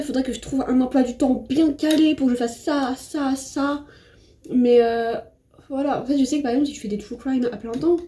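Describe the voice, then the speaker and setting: Chatty young French woman, mellow voice. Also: high voice. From France. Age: young adult. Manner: chatty, rambling, self-deprecating, with many fillers and restarts. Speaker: vlogger. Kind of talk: casual chat while doing makeup. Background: soft background music.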